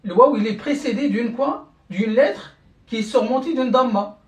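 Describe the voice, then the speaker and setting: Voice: medium pitch, normal speed, husky. A teacher running a live online class through a phone or computer mic. The delivery is patient and questioning, with frequent checks on whether everyone follows. Words often come out repeated as the next phrase is found. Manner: keeps asking the class questions and checking understanding. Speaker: Arabic teacher. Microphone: phone or computer mic on a live stream.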